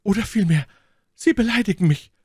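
A man voicing a scheming noblewoman, sharp and indignant, in an audiobook reading. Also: mid-range voice, animated, moderate pace, dry recording, studio quality, natural voice. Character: scheming noblewoman, cornered and furious.

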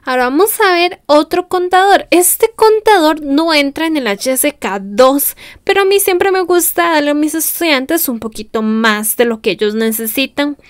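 A woman from Costa Rica with a Costa Rican Spanish accent, teaching vocabulary in a video lesson. She explains in a friendly way and says new foreign words slowly, twice each. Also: high-pitched, animated, dry recording, clean studio sound. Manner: friendly, explanatory, checks in with "¿verdad?". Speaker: language teacher.

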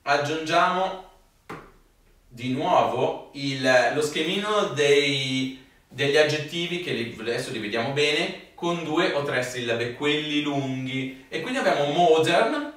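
Male Italian teacher, chatty and patient, slow delivery, phone recording from a distance. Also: on the high side, fairly bright tone. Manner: chatty, explains slowly and repeats rules. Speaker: English teacher. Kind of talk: classroom grammar lesson. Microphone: phone camera. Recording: echoey room, mic at a distance.

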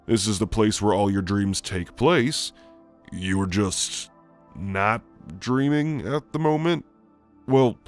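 In an ASMR roleplay, a man with a lowish voice plays a gentle, shadowy sleep demon. He speaks softly and haltingly, aiming to soothe the listener.

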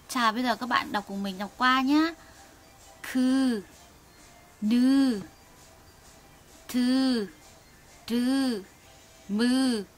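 A woman's voice: fairly high pitch, fairly bright tone. Woman teaching Korean, patient drill. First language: Vietnamese. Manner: slow, patient, drills sounds for students to repeat. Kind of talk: online language lesson, reading aloud for learners.

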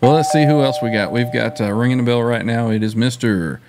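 A man's voice: mid-range voice, fast, over loud music. An older man hosting a livestream in casual chat, speaking close to a studio microphone. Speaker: livestream host. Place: home music studio, indoors. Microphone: close studio microphone with headset.

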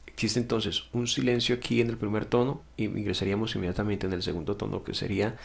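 In a screen-recorded tutorial, a man with a lowish, gravelly voice walks through music software step by step at a quick pace and level tone. He explains patiently, corrects himself, and checks in with "ok?".

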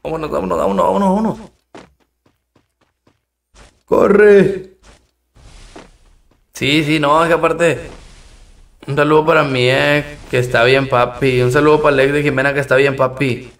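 A man's voice: on the high side, fairly even intonation, a little fast, gravelly, fairly bright tone, recorded from a distance. A man with a Mexican accent, streaming a game live, chatting in slang and thanking viewers between rounds.

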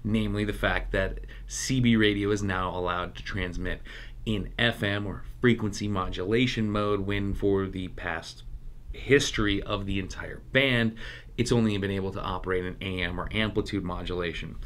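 This man hosts a radio review channel and casually walks through a product while field-testing it on camera. His voice sits low and a bit bright, with a steady tone and a moderate pace.

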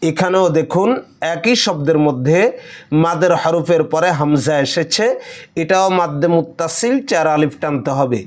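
A man's voice: a little high, normal speed. A man from Bangladesh with a Bengali accent, teaching Quran reading in a lesson, spelling out each letter and vowel mark and then blending the syllables. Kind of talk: slow spelling-out recitation lesson.

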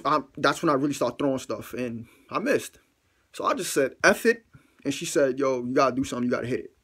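Animated slangy young man telling a story. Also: mid-range voice, husky. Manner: animated, acts out his own reactions with sudden loud squeals; slangy, profane, self-mocking. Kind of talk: casual storytime monologue.

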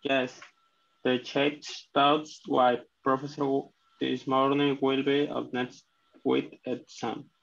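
A Spanish-speaking man learning English, reading sentences aloud in a lesson, hesitant and halting, often restarting words. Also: mid-range voice, level tone, vocal fry, lo-fi sound. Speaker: student.

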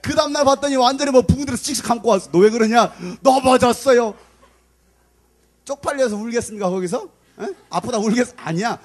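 A middle-aged man preaching a lively youth sermon, acting out scenes with shouted put-on voices. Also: quick pace, few pauses. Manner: animated, acts out scolding mothers in shrill voices. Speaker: pastor. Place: church hall.

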